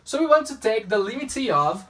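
A young Brazilian math tutor, Portuguese his first language and his accent showing it, works a problem on a whiteboard in a small room, playfully talking to himself. His high, bright voice is very animated and fairly quick, picked up by a camera mic at a distance.

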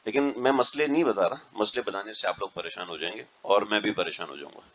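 Lower-voiced guy teaching a room of pilgrims, keeps checking they get it, muffled lo-fi audio. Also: a little hiss or hum. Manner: keeps checking the audience understands. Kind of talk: instructional religious talk to a group. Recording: dull lo-fi recording.

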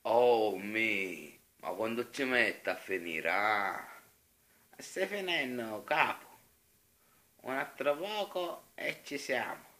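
Comic parody dub: irritable Sicilian complainer, performed by a man, slangy, forceful, foul-mouthed. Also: mid-range voice. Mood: impatient.

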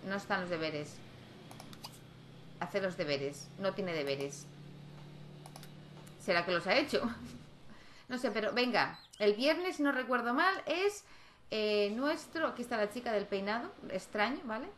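A woman's voice: mid-range voice, animated, measured pace, pauses often, a bit bright, slight background noise. A woman giving casual let's-play commentary, chatting to her game characters and checking in with viewers. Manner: chatty, talks to her game characters, frequent tag questions. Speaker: gaming YouTuber.

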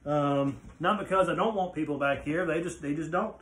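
A man's voice: a little high, moderate pace, a bit bright. A man in his forties, a pastor, giving a casual rambling tour of his small wood-paneled office, filmed on a phone at arm's length. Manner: friendly, rambling tour talk with fillers. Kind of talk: casual video devotion. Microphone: phone camera at arm's length.

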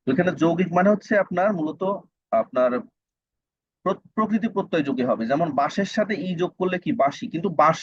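Male Bangladeshi exam tutor, husky, explanatory, dry lo-fi recording. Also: high-pitched, lively intonation, quick pace, no room sound. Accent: Bangladeshi Bengali. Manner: explanatory, asks and answers his own questions, frequent fillers. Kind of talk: exam question walkthrough lesson. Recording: dull, dry lo-fi sound.

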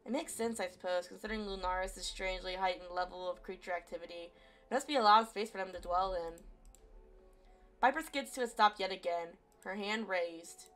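A woman streamer reading a visual novel aloud as expressive story narration. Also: mid-range voice, fairly quick. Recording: faint game music behind. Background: faint music.

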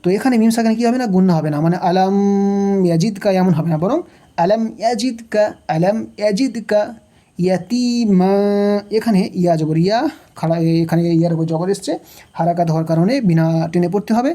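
A woman's voice: lowish voice, fast talker, dark tone. Patient woman teaching Quran recitation. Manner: patient, repetitive drilling with questions to the learner. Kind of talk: tajweed lesson, spelling out and reciting verses. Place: home recording, unseen.

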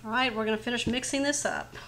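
The recording is very noisy. A middle-aged woman with a fairly high, steady voice talks fast from her home kitchen, chatting through each step of a casserole for her cooking channel.

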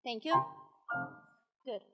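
A woman teaching a ballet class, calling out rhythmic counts and short, commanding corrections. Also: takes it slowly. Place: large ballet studio with hard floor. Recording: echoey hall, piano music over voice. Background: loud piano accompaniment.

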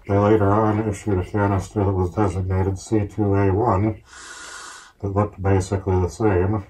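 A man speaking through a gas mask, explaining gear in a steady, plain-spoken, casual show-and-tell way. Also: on the low side, moderate pace, slight background noise, rough recording. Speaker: collector reviewing military gear.

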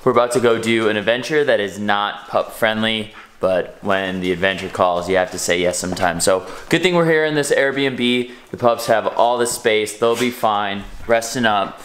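A man's voice: on the low side, normal speed, hardly any pauses, fairly bright tone, slight background noise. A young man filming a casual travel vlog at arm's length, upbeat and chatty as he talks to the camera. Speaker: travel vlogger. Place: outdoors and in a rented house, on the road. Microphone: handheld camera at arm's length. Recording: background music throughout.

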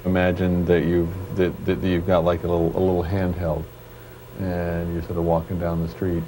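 A man from Canada, a programmer being interviewed, talking in a halting way and searching for his words, heard on a worn VHS tape copy. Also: deep voice, monotone. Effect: worn VHS tape copy with faint hiss. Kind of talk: casual interview talk. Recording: worn tape with faint hiss.

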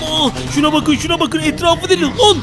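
A high-pitched man narrates a Minecraft role-play in loud, frantic bursts. He repeats words over and over as the action heats up and talks straight to his viewers. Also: steady tone, fast, music in the background. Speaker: gaming YouTuber.

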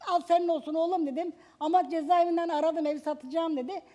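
An older woman speaking as a talk show guest. Her voice sits high yet sounds soft and mellow. She denies accusations and insists on her own account. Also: fairly even intonation, quick pace. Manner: defensive, insistent denials.

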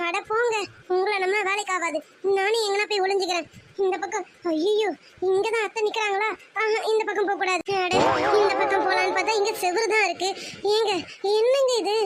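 A woman's voice: very high voice, fairly even intonation, a little fast, noisy background. A woman voicing a flustered, playful young woman in love, pleading and fretting in an amateur audio romance story.

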